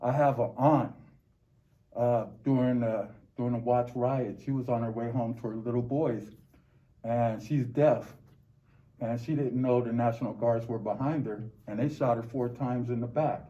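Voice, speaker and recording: A dull, slightly muffled recording of a middle-aged American man answering interview questions. His voice is very soft-edged and mellow. He speaks reflectively and haltingly, often repeating words as he searches for the next one. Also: mid-range voice, steady tone. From Los Angeles, United States. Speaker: interview guest.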